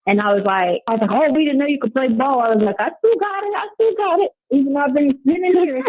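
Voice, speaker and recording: A woman's voice: high-pitched, quick pace, no room sound. A woman from Carolina calling from jail and chatting casually over a prison phone line, telling stories full of quoted back-and-forth.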